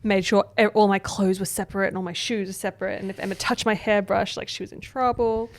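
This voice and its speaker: Female guest, relaxed storyteller, mid-range voice. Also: mid-range voice, fast talker. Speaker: band member guest. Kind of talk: casual chat.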